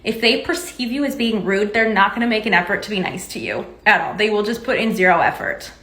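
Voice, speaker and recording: A woman's voice: medium pitch, fairly quick, fairly bright tone, echoey room. A young woman casually explaining to camera, chatty and candid with a lightly sarcastic edge. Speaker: vlogger.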